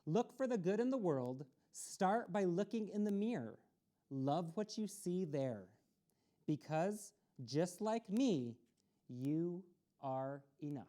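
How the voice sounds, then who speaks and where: A woman's lowish, warm, expressive voice carries a slow picture-book reading for children in a community access TV studio. She addresses the kids directly with an encouraging manner.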